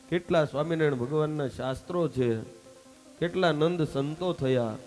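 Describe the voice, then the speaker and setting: Man telling a sermon story. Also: fairly high pitch. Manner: storytelling, acting out characters' dialogue. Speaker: swami giving a religious discourse.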